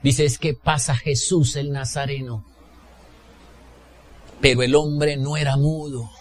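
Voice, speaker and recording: A man preaching a sermon, impassioned, rising to shouts and acting out the voices of the people in his story. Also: mid-range voice, steady tone, takes it slowly. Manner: impassioned, builds to shouts, acts out quoted voices.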